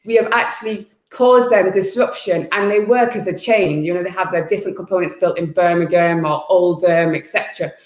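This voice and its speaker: Uk-raised woman activist, fervent n blunt, lowish voice, bit of room echo. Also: fairly quick, few pauses. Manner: fervent, blunt, repeats words when pressing a point. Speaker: activist guest. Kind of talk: impassioned interview talk.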